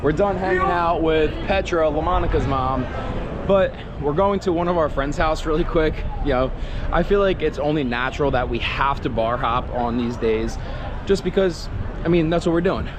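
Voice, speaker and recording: A man's voice: a little high, moderate pace, dull audio, background noise. A man vlogging casually to camera, talking in slangy, sweary bursts as he hypes up his viewers. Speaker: vlogger host. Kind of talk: casual vlog talk to camera. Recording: loud crowd, music and outdoor bustle.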